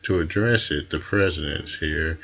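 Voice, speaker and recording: A man's voice: extremely low pitch, normal speed, vocal fry, a bit bright, lo-fi sound, exaggerated voice. A man playing a polite, slightly hesitant wrestling show announcer hosting a wrestling promo. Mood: businesslike.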